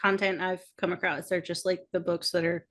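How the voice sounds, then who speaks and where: A woman's voice: fairly low pitch, flat delivery, normal speed. A woman guest on a podcast talking casually, hesitating often and laughing easily. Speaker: guest, freelance artist. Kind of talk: casual conversational interview.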